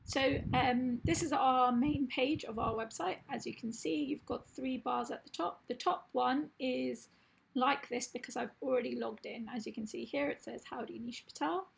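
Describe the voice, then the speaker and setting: A woman's voice: sits high, moderate pace, a little hiss or hum, low-quality recording. A woman losing her voice, explaining step by step in a screen-recorded website tutorial. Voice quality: husky, gravelly.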